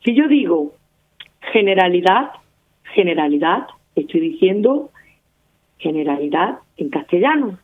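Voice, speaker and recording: A woman's voice: fairly low pitch, sing-song, moderate pace, husky. Andalusian woman on a tinny line. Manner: argumentative, explains with repeated examples. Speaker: guest running a language-teaching project. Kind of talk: casual radio talk. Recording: narrow phone-like sound.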